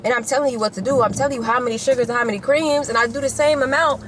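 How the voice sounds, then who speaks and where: A woman's voice: a little high, steady tone, very fast, noisy background. A young woman vlogging casually as a mom, blunt and playful, full of slang, talking to her viewers. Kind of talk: casual chat. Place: car and store. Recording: music playing under the voice.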